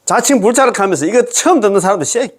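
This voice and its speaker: A man's voice: high voice, lively intonation, fast, slightly rough. A man with a Gyeongsang accent giving a chatty Buddhist dharma lecture, exclaiming and laughing often as he explains a sutra. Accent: Gyeongsang Korean.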